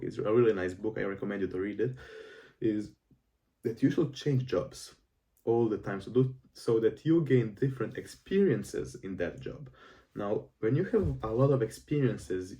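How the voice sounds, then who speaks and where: Recorded from a distance, a nineteen-year-old Croatian self-improvement vlogger with a Croatian accent gives a casual monologue to camera about the jobs he has held. His fairly low, warm voice is earnest and rambling, full of restarts and fillers.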